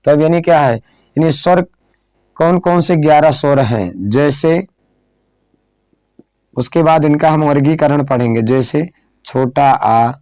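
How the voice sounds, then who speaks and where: A man teaching a lesson, slowly repeating phrases and asking questions that he then answers himself, sometimes drawing words out as he writes on a board. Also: on the high side, darkish tone, clean tone, dry recording. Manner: drawn-out dictation while writing on a board. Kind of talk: classroom lesson.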